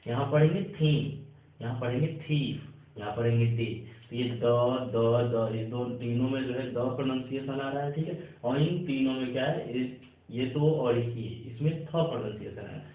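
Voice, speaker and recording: Male teacher, mid-pitched voice, patient classroom delivery, lo-fi phone-quality audio. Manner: slow dictation of rules, asks "clear?" often. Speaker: English pronunciation teacher. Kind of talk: classroom lesson.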